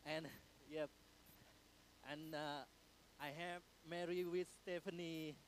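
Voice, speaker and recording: A Thai-accented man speaks very slowly to a church crowd, pausing with lots of fillers and apologizing for his English. His voice sits a little high, with a faint hiss behind it. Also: little pitch movement, low-quality recording. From Thailand. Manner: hesitant, many fillers, apologetic. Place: church sanctuary.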